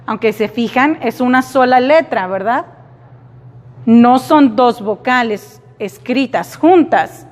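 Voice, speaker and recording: A woman teaching an English class slowly, repeating example words for her students. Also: on the high side, expressive. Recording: reverberant classroom.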